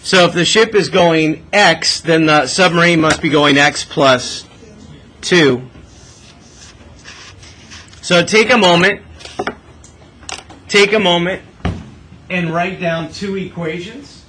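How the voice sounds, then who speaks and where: Pausing often and speaking slowly, a man teaches a math class step by step and keeps asking checking questions to gauge understanding. His voice sits a bit high with a sharp tone, and there's slight background noise.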